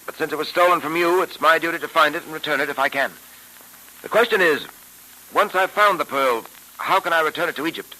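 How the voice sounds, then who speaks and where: An actor in old radio drama style playing a principled, stoic police detective with a crisp, authoritative manner. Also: male voice, fairly high pitch, fairly quick, pushed and bright, low-quality recording. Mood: matter-of-fact. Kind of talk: 1940s radio drama acting. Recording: vintage radio recording.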